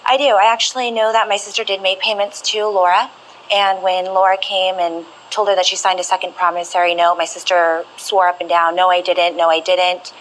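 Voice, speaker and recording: A woman's voice: mid-range voice, flat delivery, fairly quick, fairly bright tone, a little hiss or hum, low-quality recording. A woman giving informal testimony as a witness in a TV court.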